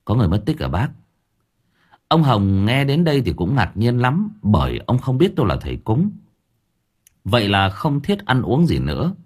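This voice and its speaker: A man's voice: medium pitch, wildly swooping pitch, moderate pace, darkish tone, breathy edge. A man narrating a ghost story as an audiobook narrator in a storytelling manner. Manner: storytelling narration with varied intonation.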